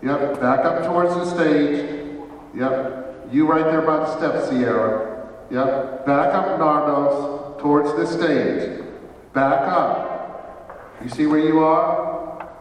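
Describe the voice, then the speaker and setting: A man's voice: fairly high pitch, slow, long pauses. A man directing a stage rehearsal, giving blocking instructions and calling counts in a commanding manner. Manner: directive, calls counts and cues. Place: large stage hall. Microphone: far camera. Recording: echoey hall from far off.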